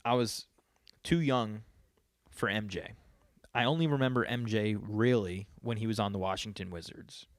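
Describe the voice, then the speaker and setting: A man's voice: lowish voice, moderate pace, no room sound, clean studio sound. A man in his thirties hosting a podcast, rambling in casual chat with lots of swearing and jokes. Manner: rambling, profane, joking. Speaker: podcast host.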